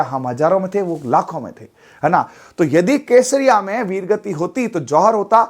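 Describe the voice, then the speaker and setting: A man teaching an exam-prep lecture, animated and talkative, often asking his listeners questions and mixing in English words. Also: high-pitched. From Rajasthan. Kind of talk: classroom lecture.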